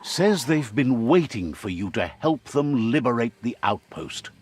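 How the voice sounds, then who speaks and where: Unhurried and sing-song, a man's mid-range, darkish voice with a breathy edge narrates a video game like a wry storybook, leading the player along. Game music plays under him.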